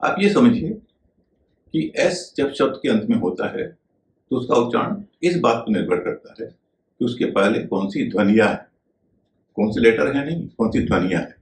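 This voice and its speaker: A male teacher giving a video lesson on pronunciation, speaking in a measured way and spelling words out letter by letter. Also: mid-range voice, animated, roomy sound, a little hiss or hum, low-quality recording.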